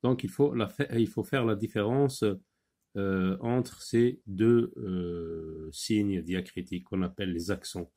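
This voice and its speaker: Man, phonics teacher, very slow, patient, many pauses. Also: lowish voice, warm tone. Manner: switches between French and Arabic explanations. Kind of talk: phonics lesson.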